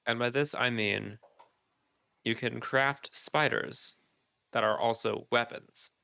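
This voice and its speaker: A man's voice: mid-range voice, steady tone, slow pace, gravelly, sharp tone, clean tone, no room sound. A man co-hosting a podcast, explaining at length in casual chat with many ums, his nose stuffy. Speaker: podcast co-host.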